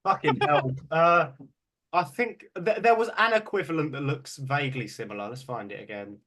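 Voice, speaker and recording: A man hosting a casual podcast chat. His voice sits high for a man, and he rambles, swears and laughs easily as he talks. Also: normal speed, sharp tone. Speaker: podcast host.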